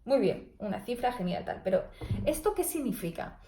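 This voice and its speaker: A young woman speaks as a speech therapist in a video blog. Her voice sits a little high, and her tone is earnest and cautionary as she explains. The recording carries a noticeably roomy echo. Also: very animated, moderate pace, warm tone.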